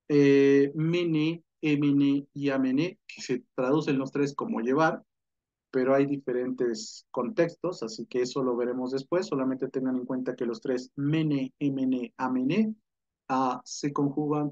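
A man's voice: mid-range voice, a little mellow. A man teaching French verb conjugation in an online lesson, explaining patiently and asking the class rhetorical questions. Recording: dull lo-fi sound.

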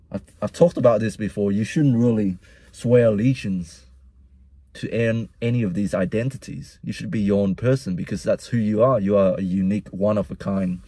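A young vlogger with a Vietnamese-Australian accent rambles through a soul-searching personal monologue, often repeating himself. His voice is lowish, dark and slightly rough, recorded with no echo.

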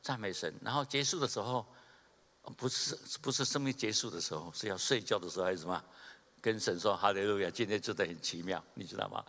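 A man, a pastor preaching a sermon and telling stories in an animated way, chuckling and acting out the people he quotes. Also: medium pitch. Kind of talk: sermon with humorous storytelling. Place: church sanctuary during a Sunday service. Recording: long reverb of a church hall.

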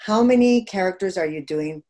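A woman hosting a talk show, quickly and curiously questioning her guest. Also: mid-range voice, lively intonation, mellow. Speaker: host. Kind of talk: interview questions.

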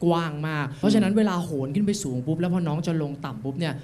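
A man's voice: on the high side, racing, mellow. Slangy laughing male judge. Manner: slangy, laughs while talking. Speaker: contest judge. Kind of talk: casual on-air critique.

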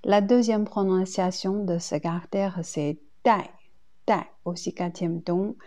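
A native Chinese speaker with a Chinese accent teaches a language lesson slowly and deliberately, repeating each example twice. Her voice is on the low side, steady and mellow.

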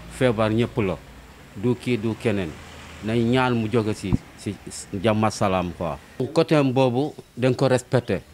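A man's voice: mid-range voice, darkish tone, a little hiss or hum. A young man from Senegal, a barber interviewed in his shop, talking earnestly and repeating his points. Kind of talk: street interview. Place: barbershop, indoors. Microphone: handheld reporter's mic.

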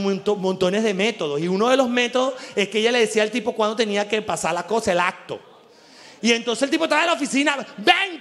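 A man with a Venezuelan accent doing an animated, crude stand-up comedy monologue, acting out little voices as he goes. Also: high voice, gravelly. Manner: animated, crude, laughs often, acts out voices. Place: live show venue.

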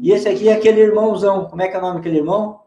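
A Brazilian man with a fairly high voice teaches a live guitar lesson, coaxing and drilling his student in playful call-and-response. The room rings with echo, and a guitar sounds faintly behind him. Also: fairly even intonation, very fast. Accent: Brazilian Portuguese.

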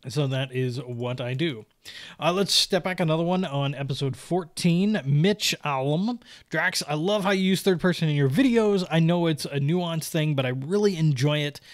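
A man's voice: a little high, moderate pace. A young man in casual solo commentary, reading viewer comments aloud and answering them in a rambling way with many fillers and restarts.

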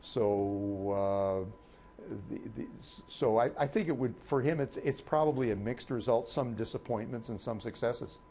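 A man giving unscripted political analysis in a halting, measured way, often repeating words. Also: mid-range voice, dark tone. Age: 60s. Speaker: political commentator. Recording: clear background noise.

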